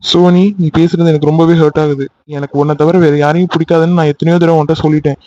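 A man's voice: fairly high pitch, level tone, fast, mellow, lo-fi sound, natural voice. A man voicing a young man in a cartoon love story, pleading insistently with his angry girlfriend. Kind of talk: cartoon voice acting.

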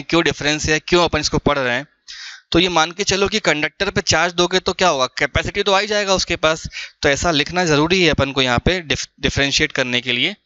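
Bright-voiced Indian man teaching physics. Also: on the high side, dry recording, dull audio. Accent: Indian English. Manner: explains patiently, often asks the students to follow along. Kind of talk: classroom physics lecture.

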